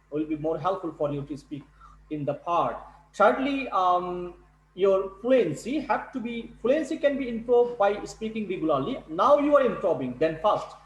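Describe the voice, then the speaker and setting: Tutor guy on a video call, high voice, roomy echo, faint hum, keeps restarting. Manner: halting, repeats words, non-native English. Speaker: English test tutor. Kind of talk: online speaking class.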